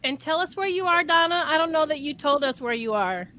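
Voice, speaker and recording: A woman's voice: high-pitched, lively intonation, brisk, bright, forceful tone. A woman hosting a livestream talk show, prompting guests and laughing often. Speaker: podcast host.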